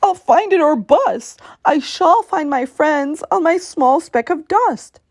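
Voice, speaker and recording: A woman's voice: very high voice, sing-song, a little slow, dry recording, studio quality, voice pushed up, exaggerated voice. A woman voicing a kind, worried, loyal male elephant in a storybook, speaking earnestly. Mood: determined. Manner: earnest, pleading.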